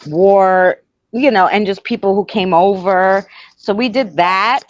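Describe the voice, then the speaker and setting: A woman's voice: mid-range voice, a little slow, no echo. A woman with a Queens, New York accent chatting casually as a guest, rambling through retold stories and quoted conversations. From Queens, New York City. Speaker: guest, paranormal spirit communicator. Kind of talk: casual chat. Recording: dull lo-fi close audio.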